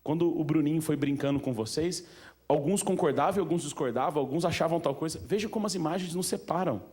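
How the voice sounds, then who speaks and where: A man's voice: a little high, fast talker, a little mellow. Chatty Brazilian man addressing an audience. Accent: Brazilian Portuguese. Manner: chatty, asks the audience questions, many fillers. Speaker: speaker at a museum event. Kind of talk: informal talk to an audience.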